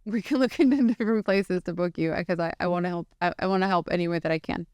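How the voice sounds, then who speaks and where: A woman's voice: on the low side, quick pace, a little mellow, clear, resonant tone, no echo. A woman hosting a podcast interview, chatty and laughing often, with many "like" fillers. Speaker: podcast host. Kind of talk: casual interview chat.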